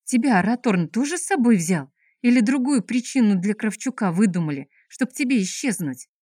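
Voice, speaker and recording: A woman voicing a lively, spirited young woman who talks quickly and brightly. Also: fairly high pitch, no echo, studio quality, voice pushed up. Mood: puzzled.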